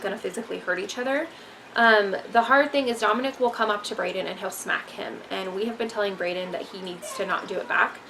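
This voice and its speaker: A young woman talks to her camera about parenting in a loose, frank, rambling way, full of ums and asides. Her mid-pitched voice carries a gravelly fry at the ends of phrases. A faint hiss of room noise sits under it. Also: a bit bright, poor audio. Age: young adult. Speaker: vlogger, mother of three. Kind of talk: casual parenting talk to camera.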